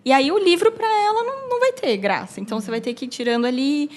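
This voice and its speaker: A woman in her thirties with a high, bright voice talks casually on a podcast. She explains things in a lively way and keeps adding little "né"s and "assim"s as she goes. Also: quick pace. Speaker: podcast co-host, mother of three.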